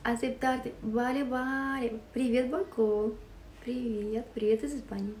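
A woman's voice: a little high, fairly even intonation, slow, darkish tone, roomy sound, recorded from a distance, slight background noise. A woman from Ukraine hosting a casual livestream, greeting and thanking viewers, giggling often as she switches between languages. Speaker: live-stream host.

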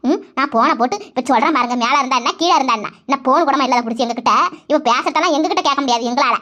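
A woman voicing a sharp-tongued village woman who scolds and grumbles sarcastically in a cartoon family quarrel. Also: high voice, very fast. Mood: scolding. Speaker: cartoon voice artist. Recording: dull lo-fi recording.

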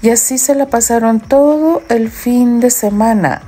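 A woman narrating a romance audiobook in a gentle storytelling manner. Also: fairly high pitch, measured pace.

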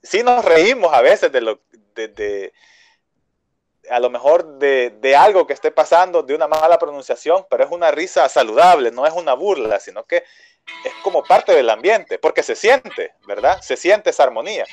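Salvadoran guy who owns a language school, walks you thru his method slowly, lots of ehs, dry close sound. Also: a little high, animated, a little mellow, no echo, faint music behind. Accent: Salvadoran Spanish. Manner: patient, explanatory, with many fillers and restarts. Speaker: English school owner. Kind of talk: interview answers, explaining a teaching method.

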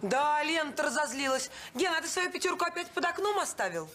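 An actress playing a breezy, unworried wife in a sitcom. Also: female voice, high-pitched, lively intonation, brisk, sharp tone. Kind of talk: sitcom acting. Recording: very noisy TV soundtrack.

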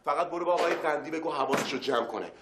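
An actor playing a young, hot-tempered factory worker in a TV drama, angry and bitter. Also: male voice, on the high side, roomy sound, noisy background, close to an everyday voice. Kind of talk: TV drama acting.

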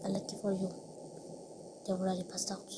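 A woman chatting casually over a game, rambling and repeating herself with halting restarts. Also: medium pitch, completely flat delivery, background noise.

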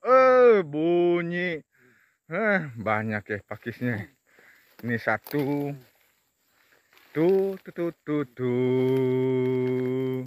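A man vlogging outdoors in an oil palm plantation, chatting casually as he walks. He hums a lot and repeats words in a slow, drawn-out way. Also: mid-range voice, lively intonation, clear, resonant tone, no echo.

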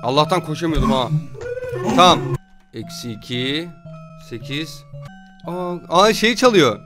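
A man giving loud, jokey commentary while playing a video game. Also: a little high, big pitch swings, unhurried, music in the background. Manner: loud, jokey, yelping reactions. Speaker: gamer streamer. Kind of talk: excited gameplay commentary.

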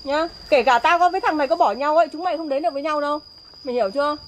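A woman's voice: high-pitched, racing. A woman playing an angry wife, scolding and berating her husband outdoors at night. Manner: shouting angrily, scolding. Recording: faint outdoor noise with crickets.

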